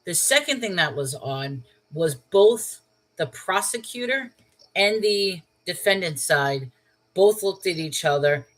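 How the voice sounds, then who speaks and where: A woman's voice: fairly low pitch, expressive, slow, poor audio. A woman from New York telling a personal story on a livestream in a casual, chatty way, checking in with her listeners and wondering aloud. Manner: chatty, checks in with "okay?" and "all right?"; wondering aloud, rhetorical questions. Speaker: channel host.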